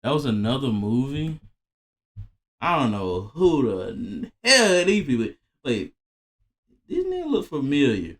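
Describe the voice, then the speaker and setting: A young man streaming a reaction to a video, talking casually, exclaiming loudly and swearing freely. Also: medium pitch, wildly swooping pitch, measured pace, long pauses.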